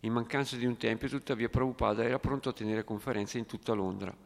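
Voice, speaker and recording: A man reading a book aloud and pausing for quiet, reflective comments, in an echoey hall. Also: mid-range voice, fairly even intonation, gravelly. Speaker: reader and commentator.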